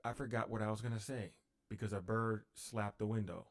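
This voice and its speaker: A man's voice: on the low side, fairly even intonation, a little fast. A man teaching on a livestream. He talks unhurriedly, with fillers and repeated phrases.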